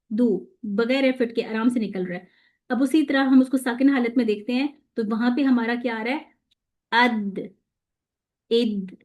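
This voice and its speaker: A woman's voice: fairly high pitch, darkish tone. Patient woman teaching tajweed pronunciation. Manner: patient, explains step by step, asks and answers her own questions; slowly sounds out Arabic letters and syllables as models. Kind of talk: online Quran pronunciation lesson.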